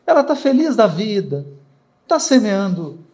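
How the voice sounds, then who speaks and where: A man's voice: sits high, sing-song, a little slow, a little mellow. A man from Brazil, giving a spiritist lecture in a rhetorical way, asking questions and acting out quoted voices. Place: lecture hall of a spiritist center.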